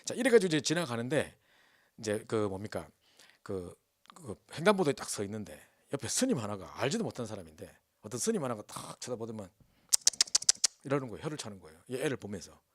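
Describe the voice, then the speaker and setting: A male pastor preaching a sermon. He tells stories in an animated way and keeps asking the congregation to agree with him. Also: medium pitch, fast, dry recording, studio quality. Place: church.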